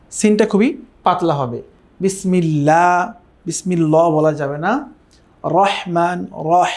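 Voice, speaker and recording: High-voiced man teaching Quran recitation. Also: a little mellow. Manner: patient, repeats and drills pronunciation; chants Quranic recitation slowly. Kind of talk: recorded online lesson.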